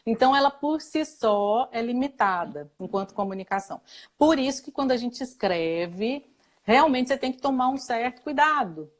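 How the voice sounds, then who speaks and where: A woman's voice: fairly high pitch, lively intonation, moderate pace. A woman with a Brazilian Portuguese accent, a guest expert in a casual live chat, explaining at length with fillers and laughs.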